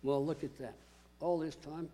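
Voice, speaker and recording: Booming and emphatic, an older male pastor delivers a sermon to a congregation, slowing to lean on key words. His tone is steady and mellow.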